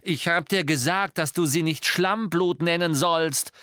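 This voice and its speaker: A man's voice: medium pitch, animated, unhurried, no room sound, clean studio sound. A man voicing a determined teenage boy wizard who speaks insistently and urgently. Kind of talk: audiobook character voicing.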